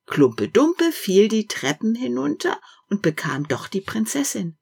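Slow, husky woman reading a fairy tale. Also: medium pitch. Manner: slow, expressive storytelling with wide swings between hush and loud. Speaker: narrator.

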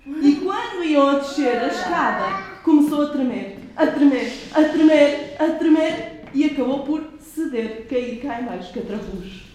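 A woman's voice: high voice, expressive, a little slow, a little mellow. A woman reading a picture book aloud to children and asking them questions as she goes. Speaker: children's storyteller. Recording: very echoey room.

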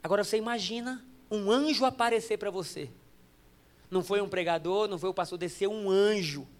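A Brazilian man in his thirties preaches with a strikingly high voice. He tells funny family stories straight to the congregation, drops to a hush and then comes back forceful. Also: brisk. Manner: humorous storytelling, addressing the congregation directly; animated, swinging between hushed and emphatic. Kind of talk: sermon.

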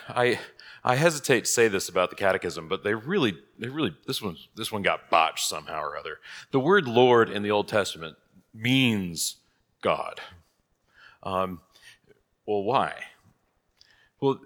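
A pastor leading a prayer and then teaching a catechism class in a conversational way, thinking aloud, heard with a cathedral-like echo. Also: male voice, on the low side, a bit bright. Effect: cathedral-like echo, long hall reverb. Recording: long reverb in a large hall.

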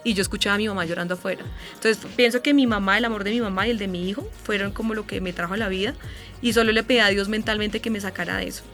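Colombian lady, 30s, radio host, animated storyteller, bright voice, soft music underneath. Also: mid-range voice, very fast. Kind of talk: emotional personal interview.

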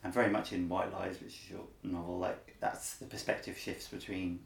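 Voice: low voice, flat delivery, moderate pace, creaky, roomy sound. A host in casual conversation, thoughtful and stopping to search for words.

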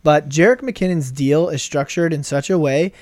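A man's voice: fairly high pitch, moderate pace, a little mellow, no echo, clean studio sound. A man co-hosting a fantasy football podcast, explaining plays at length in a casual chat. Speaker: podcast co-host.

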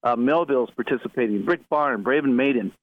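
A man's voice: medium pitch, a little fast. A middle-aged man speaking conversationally as a radio interview guest over a narrow phone-like line. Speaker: interview guest, tourism executive.

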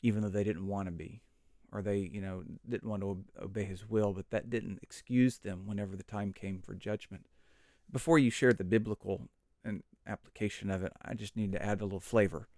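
A middle-aged man hosting a podcast, talking in a relaxed, chatty way with fillers and side stories during a Bible study conversation. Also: fairly low pitch, brisk, dry recording, studio quality. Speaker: podcast host.

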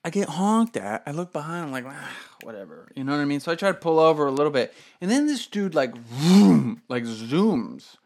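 A man co-hosting a casual chat, telling a story in an animated, profane way with bursts of laughter. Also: a little high, brisk, hardly any pauses. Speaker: podcast co-host.

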